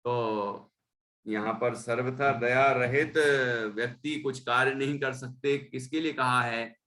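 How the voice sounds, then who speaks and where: A man's voice: medium pitch, steady tone, slow, bright, forceful tone. A man teaching a Jain scripture class, reading a verse and then explaining it, often adding "है ना?". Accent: Indian Hindi. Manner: reads a verse, then explains with tag questions.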